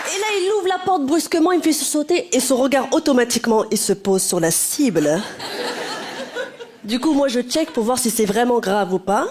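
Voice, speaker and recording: A woman stand-up comedian, talking directly to the audience on stage in a lively, energetic way. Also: fairly high pitch, moderate pace. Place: on stage before a live audience. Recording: live stage with loud crowd noise.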